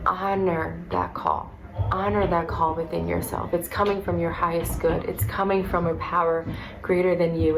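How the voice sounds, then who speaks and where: A young woman talking earnestly and softly in a personal vlog, repeating her words as she goes. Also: on the low side, noisy background. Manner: soft, earnest and repetitive, gets emotional. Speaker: vlogger. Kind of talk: heartfelt personal vlog talk.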